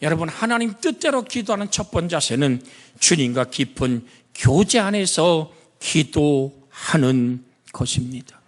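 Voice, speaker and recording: A male pastor preaching a sermon with passion, acting out the lines in quotes and rising to shouts at the peaks. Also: lively intonation, unhurried. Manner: impassioned preaching with big pitch swings, shouting at peaks; acts out dialogue in quotes.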